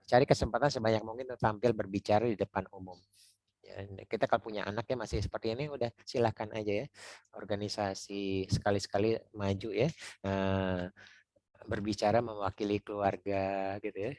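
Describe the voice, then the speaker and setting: A man's voice: mid-range voice, a little mellow. A man teaching public speaking in a loose, chatty way, repeating words, restarting sentences and tagging them with little checks to the listener. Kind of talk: informal teaching talk.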